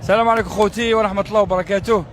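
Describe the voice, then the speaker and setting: A man's voice: high voice, fairly even intonation, very fast. A man with an Algerian accent, a native Arabic speaker with broken English, doing a casual street interview. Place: busy city square outdoors. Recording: street crowd and traffic behind.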